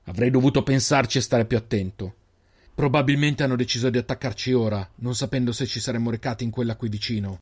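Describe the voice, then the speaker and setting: Man voicing a steady old keeper. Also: mid-range voice, quick pace, slightly rough, natural voice. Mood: calm commanding. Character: old male keeper, steady caring leader.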